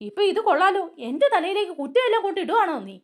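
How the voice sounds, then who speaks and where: A woman's voice: very high-pitched, animated, racing, pitched above the performer's own voice. A woman voicing a defiant young woman from a serial who mocks her accuser. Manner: defiant, mocking.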